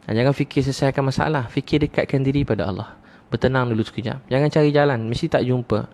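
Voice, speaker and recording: Man preaching with gentle repetition. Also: mid-range voice, quick pace, creaky. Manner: repetitive, gently emphatic teaching with frequent "ha". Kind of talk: sermon.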